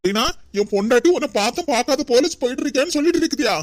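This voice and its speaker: A woman's voice: high-pitched, expressive, racing, dry recording. A woman with a Kanyakumari Tamil accent voicing a proud older brother in a cartoon, scolding his sister indignantly.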